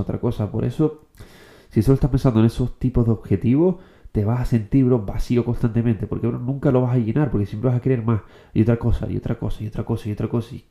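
A young man from the Canary Islands giving a casual motivational monologue, slangy and quick, forever dropping "tío" and "bro". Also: medium pitch, mellow. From Canary Islands, Spain. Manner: slangy, fast, keeps saying "tío" and "bro". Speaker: motivational content creator.

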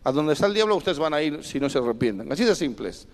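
Male pastor, high voice, emphatic preaching with call-and-response, long reverb from the church hall. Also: sing-song, quick pace. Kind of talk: sermon.

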